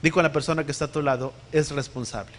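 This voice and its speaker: A male preacher delivers a sermon in a high, emphatic voice. He teaches, asks the congregation questions, and spells out words letter by letter. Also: fairly even intonation, fast talker, a bit bright, slight background noise.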